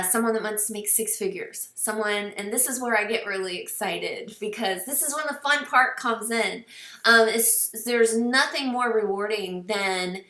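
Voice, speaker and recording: A woman's voice: medium pitch, fairly bright tone, roomy sound, recorded from a distance. A woman in her thirties or forties, a team coach giving an earnest, encouraging recruiting talk with many fillers, getting teary at times. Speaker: fitness business team coach. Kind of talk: casual recruiting talk to camera.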